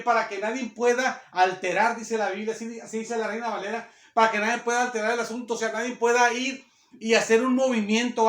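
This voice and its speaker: High-voiced preacher in an echoey hall. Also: male voice, a bit bright. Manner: earnest, explains slowly and repeats phrases. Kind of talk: sermon. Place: church hall. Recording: echoey room.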